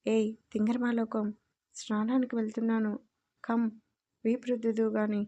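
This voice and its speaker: A woman voicing a stern, quick-tempered young husband who scolds with demanding questions in a storybook reading. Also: on the high side, little pitch movement, warm tone, highs cut off, close to an everyday voice. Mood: teasing.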